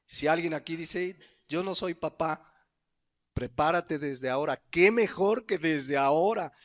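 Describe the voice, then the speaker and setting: A pastor with a Mexican Spanish accent preaching a sermon. His voice sits high for a man, and he teaches in a conversational way, turning often to the listeners with rhetorical questions.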